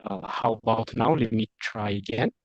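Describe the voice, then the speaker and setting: A man's voice: on the low side, normal speed, dry recording, lo-fi sound. A man answering judges on a video call whose audio keeps breaking up and dropping out, hesitant and full of fillers. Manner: hesitant, many fillers and restarts. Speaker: startup founder answering judges.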